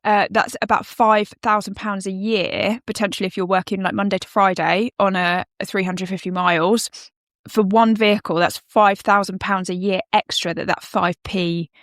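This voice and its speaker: British woman, podcast co-host, patient tax explainer, dry close sound, mid-pitched voice. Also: normal speed, no room sound. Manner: explanatory, steady, with frequent ums. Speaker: accountant explaining tax changes. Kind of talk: casual podcast discussion.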